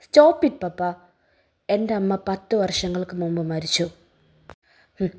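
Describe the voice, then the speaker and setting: A cold, resentful young man in a storybook, as a woman puts him on, clipping each word short and flat. The voice is husky and stays close to the reader's own. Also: lowish voice.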